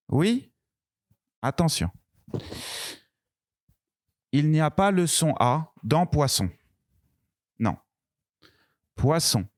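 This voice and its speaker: Male language teacher, slow patient delivery, repeats each word for beginners, dry room. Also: a little high, no echo. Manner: slow, patient, repeats words and sounds clearly. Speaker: French teacher. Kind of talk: beginner pronunciation lesson.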